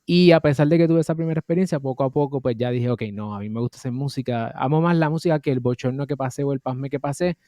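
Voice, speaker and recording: A man from Puerto Rico with a Puerto Rican accent, talking thoughtfully as an interview guest about music and law, with frequent pauses and fillers. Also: mid-range voice, warm tone, no room sound, studio quality. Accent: Puerto Rican Spanish. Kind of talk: reflective conversational interview.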